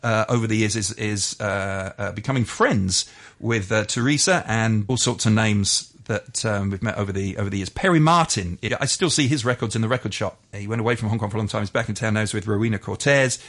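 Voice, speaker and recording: A man's voice: fairly low pitch, a little fast, fairly bright tone. A middle-aged man, a radio DJ, chatting as a guest in a casual interview, rambling with many fillers and restarts.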